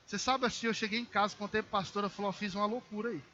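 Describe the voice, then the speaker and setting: During a church service, a male pastor with a Brazilian Portuguese accent preaches a sermon, recounting a personal story with acted-out dialogue and warmly calling the congregation dear ones. His high voice stays steady in tone while he talks rapid-fire, on lo-fi sound.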